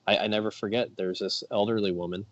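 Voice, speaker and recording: A man who runs a performance car shop, speaking as a guest on a casual podcast in a measured, matter-of-fact way. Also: on the low side, steady tone, muffled recording.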